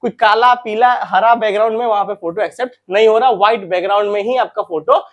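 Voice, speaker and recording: Casting note: young male host, high voice, quick and chatty, keeps repeating key points to his viewers. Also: dull audio. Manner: addresses viewers as friends and brothers. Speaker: recruitment info channel host. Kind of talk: informal advice talk to viewers.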